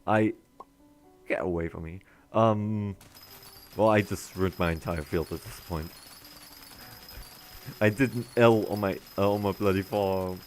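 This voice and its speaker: Low-voiced rambling young streamer man. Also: fairly even intonation, measured pace, long pauses, soft background music. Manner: rambling, with frequent restarts. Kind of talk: casual gameplay commentary.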